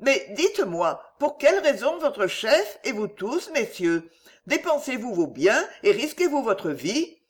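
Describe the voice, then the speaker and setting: A man's voice: very high-pitched, very animated, a little slow, voice pushed up, exaggerated voice. A man voicing an anxious, grateful French countess in an audiobook, earnest and pleading.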